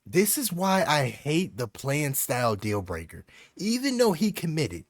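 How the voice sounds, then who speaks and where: A young man giving live commentary over his own football video game, talking to himself and bursting into yells on big plays. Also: a little high, very animated, measured pace, no room sound, studio quality. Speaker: gaming YouTuber.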